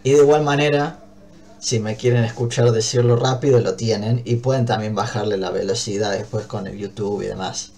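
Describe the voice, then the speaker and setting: A man's voice: fairly low pitch, steady tone, normal speed, a little mellow. A man with an Argentine Spanish accent teaching an English class, explaining patiently and checking often that his students follow. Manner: patient, checks understanding with frequent "¿bien?".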